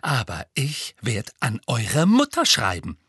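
A male reader putting on a high, sharp-tongued teenage witch girl in an audiobook, scolding and stern, her voice lifted well above his own and swinging widely, close and dry. she sounds like she won't back down an inch. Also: very animated, normal speed, dry recording, full character voice. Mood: furious. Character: bossy, indignant teenage schoolgirl witch.

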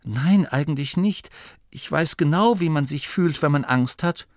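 A man voicing a patient young male gnome leader who explains things calmly in a storybook reading. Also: fairly high pitch, unhurried, no echo, clean studio sound, voice pushed up, lightly acted. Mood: reassuring. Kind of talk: audiobook character voice.

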